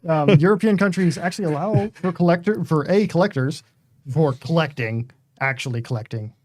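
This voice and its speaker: A man co-hosting a game livestream, talking casually in halting bursts with many pauses and restarts. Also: fairly high pitch, darkish tone, no echo. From United States. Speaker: stream co-host. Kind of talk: casual chat while gaming.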